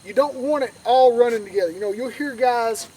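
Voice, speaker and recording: Male instructor, noticeably high voice, conversational teaching style, distant outdoor recording with faint noise. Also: fairly quick, dark tone. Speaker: duck calling instructor.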